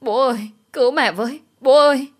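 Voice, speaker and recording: A woman's voice: fairly high pitch, a little fast, fairly bright tone, husky, voice pushed up. A woman voicing a terrified little boy crying for help. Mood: screaming. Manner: wailing pleas.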